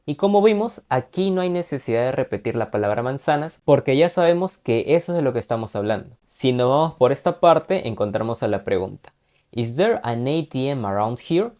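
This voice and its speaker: Male teacher from Peru, patient step-by-step lesson narration, lively intonation. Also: medium pitch. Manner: explains step by step, reads English examples slowly and carefully. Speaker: English teacher.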